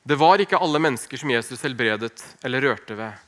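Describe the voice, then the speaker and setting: A man preaching a sermon, earnest and emphatic, slowing down on key phrases and dropping to a hush. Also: mid-range voice, animated. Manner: earnest, slow emphatic phrasing with wide swings in loudness.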